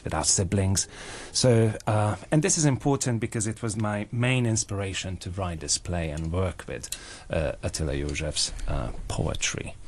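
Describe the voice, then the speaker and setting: A Hungarian-accented man in his thirties from Budapest, an actor and playwright, tells personal stories as a guest in a radio interview. He speaks earnestly and carefully in a fairly low, darkish voice, with a little hiss or hum in the background.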